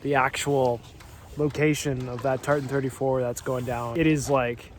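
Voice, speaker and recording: Man vlogging over clear boat noise. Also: mid-range voice, fairly even intonation, moderate pace. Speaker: sailing vlogger. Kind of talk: casual narration to camera. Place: outdoors on a sailboat under way. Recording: loud boat and water noise.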